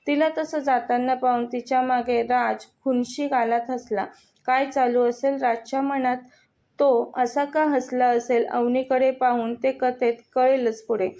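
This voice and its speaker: Marathi-accented woman reading a story out loud, kinda high voice, plays every character herself. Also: level tone, measured pace. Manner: reads all characters' lines in her own voice. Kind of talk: scripted story narration.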